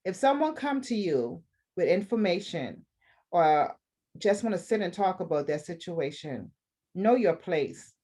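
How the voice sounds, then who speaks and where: A woman's voice: fairly low pitch, very animated, a little slow, dark tone. A woman with a Bahamian accent, hosting a talk show and giving earnest personal advice on marriage and divorce, repeating phrases for emphasis. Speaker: podcast host.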